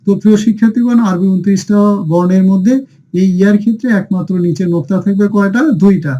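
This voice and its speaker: A man's voice: sits high, fast talker, dark tone, dull audio. A man teaching a Quran reading lesson, asking questions and answering them himself and repeating letter names for students to follow.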